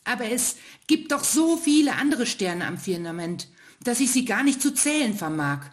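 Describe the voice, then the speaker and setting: Casting: a woman playing a small sulky star in a storybook, raised pitch, defiant whine. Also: very animated, moderate pace.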